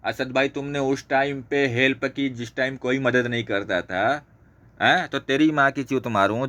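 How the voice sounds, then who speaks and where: A man's mid-range, fairly bright voice comes through with no echo. He's a channel host in a screen-share rant exposing a former associate, angry and heavily profane, repeating himself while pointing out things on screen.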